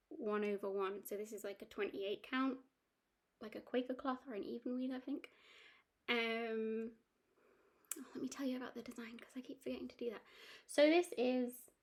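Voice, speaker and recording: A woman chatting casually about her cross-stitch projects, rambling with lots of ums and restarts. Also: fairly high pitch. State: has the hiccups. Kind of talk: casual chat.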